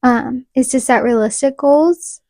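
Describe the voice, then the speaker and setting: A young woman co-hosts a podcast in casual conversation, chatty and nudging the talk toward practical tips. Her high-pitched voice is mellow and unhurried, recorded at studio quality with no room sound.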